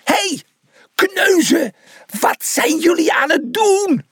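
A narrator voicing a bossy male zebra leader in a children's storybook, shouting and exasperated. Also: very high voice, very animated, slow, no room sound, studio quality, pitched above the performer's own voice, full character voice. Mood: yelling.

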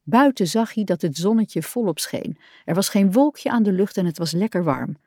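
A woman reading a children's storybook aloud in an expressive, warm way. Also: mid-range voice, normal speed, no echo, clean studio sound. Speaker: audiobook reader.

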